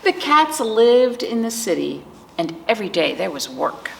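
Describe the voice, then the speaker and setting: A woman librarian hosting a virtual storytime, speaking gently to children, asking them simple questions and reading a picture book aloud. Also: medium pitch, sing-song, a little slow, vocal fry, a little hiss or hum.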